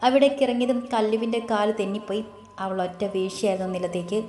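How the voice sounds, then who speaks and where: A woman narrating a romance audio story in a steady, unhurried reading voice. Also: mid-range voice. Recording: roomy echo.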